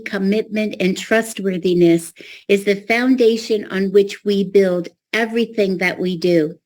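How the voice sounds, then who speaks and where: A woman in her sixties speaks at an ordinary middle pitch, leading an online sales presentation. She talks in an earnest, enthusiastic way, as if sharing a personal story. The sound is that of a video call. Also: darkish tone. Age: 60s. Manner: earnest, enthusiastic testimonial delivery. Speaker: business presenter.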